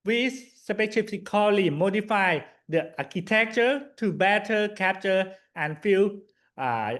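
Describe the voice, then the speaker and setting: A man with a notably high voice presents his thesis work from a script. He speaks slowly and hesitantly, breaking sentences into short, halting phrases, in the formal style of an academic slide talk. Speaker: PhD student presenting a thesis.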